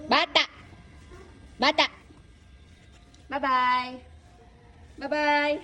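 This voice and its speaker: A woman's voice: high-pitched, level tone, extremely slow, sharp tone. A woman filming a casual family vlog, talking to her toddler in coaxing baby talk, calling out and cooing.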